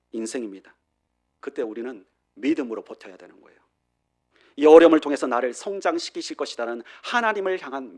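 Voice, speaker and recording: A male pastor delivering an emphatic sermon, swinging between loud declarations and hushed endings. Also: fairly high pitch. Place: church.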